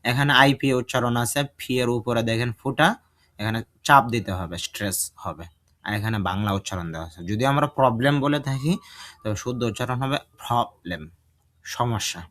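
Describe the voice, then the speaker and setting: A man teaching an English lesson, drilling sentences slowly and translating each one. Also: mid-range voice, expressive, a bit bright. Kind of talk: bilingual language lesson.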